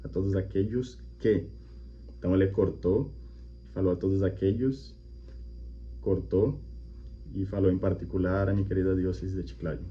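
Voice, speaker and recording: Speaking at a moderate pace with frequent pauses, a Colombian man with a low voice and fairly even intonation hosts his channel and teaches language. His casual reaction video is friendly and explanatory, full of repeated examples and the check-in "né?", recorded slightly muffled with a faint hum.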